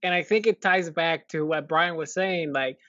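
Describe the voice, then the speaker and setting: A man's voice: fairly high pitch, moderate pace, bright, forceful tone, dry recording, dull audio. A man co-hosting a casual podcast chat, tossing in wry, joking asides. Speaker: podcast co-host.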